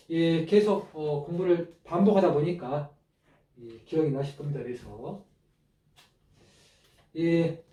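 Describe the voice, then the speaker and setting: A man teaching a script lesson, explaining each stroke step by step in a halting way with many fillers. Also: a little high, warm tone. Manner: halting, many fillers, pointing through steps. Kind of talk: spoken lecture explaining script on a board. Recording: distant mic, echoey room.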